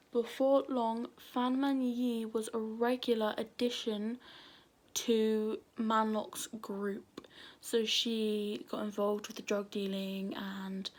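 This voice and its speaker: A woman telling a true crime story at home late at night, nervous and often dropping to a whisper. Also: on the high side. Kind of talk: casual true crime narration.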